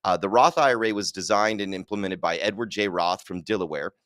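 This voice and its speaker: A man speaks as a guest expert, explaining at length with confidence and now and then a quick quip. His voice sits fairly low. The sound is dry and close, with no room around it. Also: a bit bright, no room sound. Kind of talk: explanatory interview answers.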